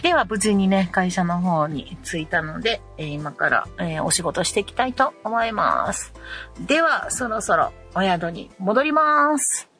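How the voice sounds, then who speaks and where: A woman in her forties with a Nara Kansai accent, hosting a casual chat show and reading listener messages, relaxed and full of pauses and fillers. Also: mid-range voice, faint music behind. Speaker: podcast host.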